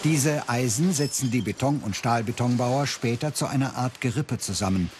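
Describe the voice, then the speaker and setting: A man delivering clear, measured scripted narration for a documentary. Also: mid-range voice, background noise.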